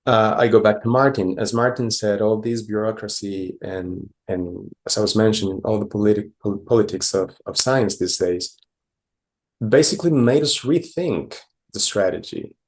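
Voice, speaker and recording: Gravelly low-voiced man from Costa Rica. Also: moderate pace. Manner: hesitant, many fillers and restarts. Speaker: conference presenter. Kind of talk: conference talk with slides.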